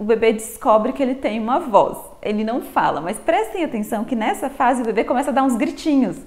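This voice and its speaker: Brazilian woman explaining baby speech. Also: fairly high pitch. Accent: Brazilian Portuguese. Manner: warm didactic, addresses viewers as "gente". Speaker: pediatric health educator. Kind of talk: explanatory talk to camera.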